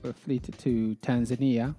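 A man with a Burundian accent speaking as an interview guest, conversational and halting, often repeating words as he goes. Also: medium pitch, level tone, mellow. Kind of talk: conversational interview, telling own story.

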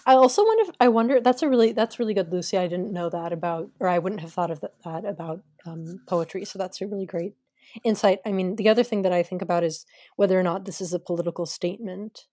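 Woman co-host speculating aloud, warm mellow tone, dry close sound. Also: lowish voice, fast, no room sound. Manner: musing, tentative, speculative. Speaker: podcast co-host. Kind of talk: casual literary discussion.

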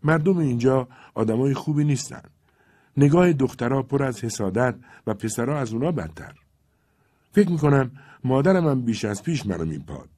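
Storybook role: shy seventeen-year-old village girl, hushed and gentle, read by a male narrator. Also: mid-range voice, animated, voice pushed up, close to an everyday voice. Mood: anxious. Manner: soft, hushed speech.

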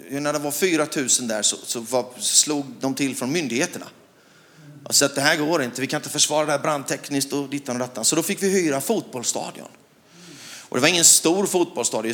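A middle-aged man from Sweden preaches with a lively, swooping voice that sits fairly high. He tells his story with animated delivery, climbs to loud shouts and keeps asking the congregation whether they follow him. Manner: animated storytelling, rising to loud shouts, asks the crowd questions. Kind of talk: sermon with a personal story.

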